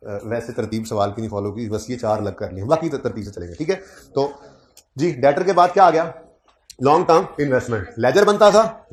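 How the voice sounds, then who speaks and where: Male accounting lecturer, mid-pitch, quizzes the class with dry teasing asides. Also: a little mellow.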